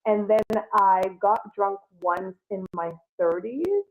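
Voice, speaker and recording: A woman's voice: mid-range voice, expressive, slow. A woman in her thirties, born in Jamaica and raised in Canada, co-hosting a casual livestream chat. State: a bit under the weather. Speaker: co-host. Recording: dull lo-fi stream audio.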